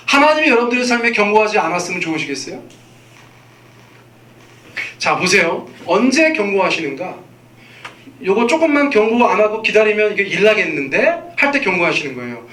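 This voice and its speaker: Male pastor, middle-aged, lively preaching, bright tone, echoey church hall, mic a bit distant. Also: sits high. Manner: animated, acts out warnings to children with sudden loud calls. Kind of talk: sermon. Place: church sanctuary.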